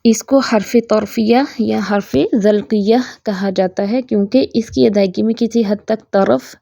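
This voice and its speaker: A woman's voice: mid-range voice, steady tone, vocal fry, mellow, no echo, highs cut off. A woman teaching a Quran recitation lesson, explaining patiently and checking in often. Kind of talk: online tajweed lesson.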